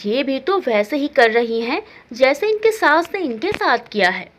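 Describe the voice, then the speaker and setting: A woman voicing an outspoken young daughter-in-law with a sharp, defiant way of talking. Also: high voice, sing-song, unhurried.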